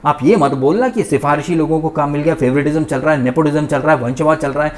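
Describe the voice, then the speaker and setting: A man's voice: a little high, quick pace, a little mellow. A man giving an indignant, ranting commentary monologue as a vlogger reviewing a show. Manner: indignant, ranting, mocking impressions.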